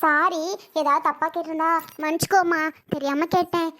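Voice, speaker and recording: A woman's voice: very high-pitched, steady tone, moderate pace, fairly bright tone. A woman playing a mother who keeps reassuring and pleading with her sister-in-law in a family drama.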